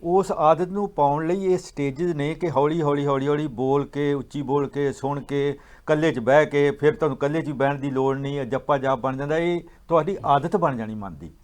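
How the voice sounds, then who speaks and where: A man with a slightly raised voice gives a patient religious talk. He explains ideas step by step and slows down to recite verses in a measured way. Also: a little high, fairly even intonation, darkish tone. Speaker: guest speaker on Sikh scripture.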